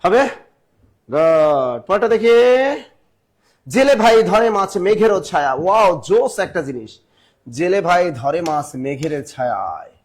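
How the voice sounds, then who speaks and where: Quick-joking grammar teacher, man. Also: on the high side, expressive. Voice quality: sings snatches of songs in class. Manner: urges students to answer fast, jokes and complains between questions. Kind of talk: live online exam-prep class.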